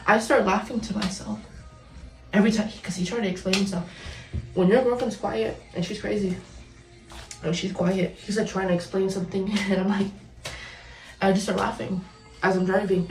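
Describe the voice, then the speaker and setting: A woman's voice: medium pitch, steady tone, normal speed, long pauses, a little mellow. A young woman vlogger telling a storytime rant about her ex, blunt and sarcastic, swearing freely with bitter laughs. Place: at home, dyeing her hair. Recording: roomy, distant from mic, faint music behind.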